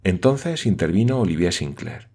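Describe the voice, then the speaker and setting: A man's voice: sits low, lively intonation, moderate pace, mellow, husky. A man narrating a novel aloud as an audiobook, dropping his voice for the narration. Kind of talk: scripted narration.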